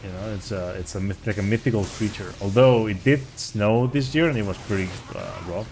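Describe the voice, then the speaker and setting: A man's voice: fairly low pitch, fairly quick, a little mellow, soft background music. A man giving casual, rambling commentary as he streams a speedrun. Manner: rambling and chatty, with frequent restarts and "like".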